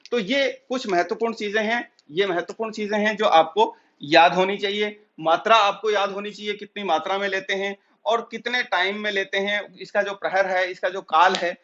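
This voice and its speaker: A man teaching an exam-prep lecture. He explains slowly, asks his own questions and then answers them, with many pauses and filler sounds. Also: high voice, fairly bright tone, lo-fi sound. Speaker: Ayurveda teacher.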